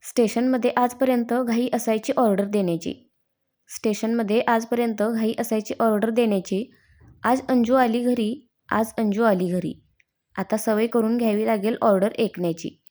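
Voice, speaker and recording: A woman's voice: fairly high pitch, steady tone, normal speed, dark tone, natural voice. A woman voicing a playful young groom who jokes and teases his bride. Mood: teasing. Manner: joking, light teasing.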